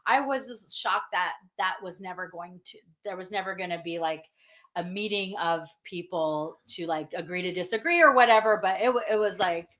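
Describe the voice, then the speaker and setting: A woman's voice: fairly low pitch, moderate pace, a bit bright. A woman in casual conversation, speaking candidly and plainly. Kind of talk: casual talk.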